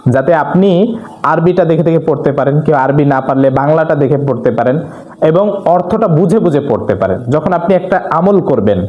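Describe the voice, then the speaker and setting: A man preaching a religious talk, earnestly urging listeners and slowly reciting Arabic supplications. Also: a little high, expressive, echoey room, lo-fi sound. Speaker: Islamic preacher.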